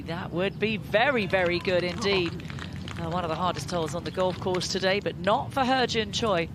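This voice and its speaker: High-pitched male golf commentator, noisy outdoor broadcast. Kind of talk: live golf tournament commentary.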